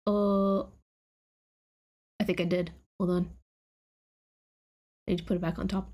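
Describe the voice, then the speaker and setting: A woman's voice: fairly low pitch, flat delivery, unhurried, mellow. A woman live-streaming a reaction to her own old videos, chatting casually in a giggly, scattered, self-mocking way.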